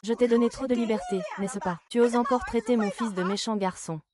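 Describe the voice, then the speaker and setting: A woman's voice: a little high, steady tone, fairly quick, natural voice. A woman dubbing dialogue for a family drama with an emotional delivery. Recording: loud crowd noise behind.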